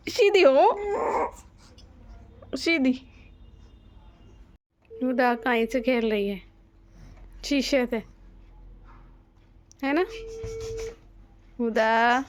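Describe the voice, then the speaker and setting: A young mother coaxing her baby twins in sing-song baby talk, repeating their pet names. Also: high voice.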